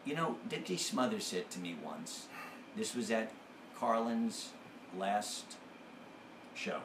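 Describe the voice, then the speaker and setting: A man, a comedian guest, chatting in an interview and telling unhurried stories, sometimes acting out what others said. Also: fairly low pitch, big pitch swings. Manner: unhurried storyteller who acts out quotes. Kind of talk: casual interview chat. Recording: echoey room with background noise.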